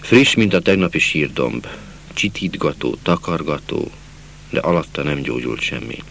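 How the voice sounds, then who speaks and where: A man reading a literary novel aloud as an audiobook narrator, slow and measured, dropping to a hush at sad passages. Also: a bass voice, expressive, creaky, a little hiss or hum.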